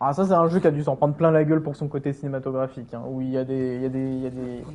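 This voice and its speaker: A man's voice: mid-range voice, little pitch movement, rapid-fire, a little mellow. A man casually commenting on a game he is playing, rambling with many fillers and chatting to his viewers. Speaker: streamer.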